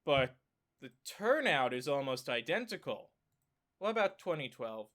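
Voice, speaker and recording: A man with a clogged nose talking through election maps for his own channel in a casual way, thinking aloud with many fillers and self-corrections and breaking into excited exclamations. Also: mid-range voice, a little slow. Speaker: political commentary YouTuber. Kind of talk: casual screen-share analysis.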